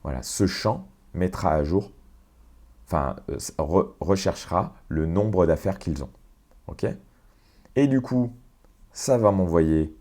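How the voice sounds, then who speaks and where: A man walking through a software automation on screen, explaining step by step with fillers and self-corrections. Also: low-pitched, animated, takes it slowly, long pauses. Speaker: tutorial presenter. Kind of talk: screen-share software walkthrough.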